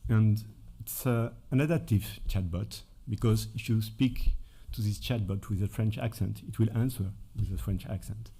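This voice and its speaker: Male conference presenter, mellow, hesitant, lots of fillers. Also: lowish voice, normal speed, few pauses, slightly rough. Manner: hesitant, many fillers, self-corrections. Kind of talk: conference talk with scripted dialogue. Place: conference room.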